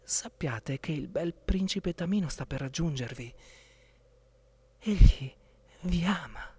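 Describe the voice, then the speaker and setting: A man's voice: a little high, lively intonation, takes it slowly, background noise. A man voicing a timid, grumbling, feather-covered male bird-catcher in a storybook tale. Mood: eager. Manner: grumbling, fussy.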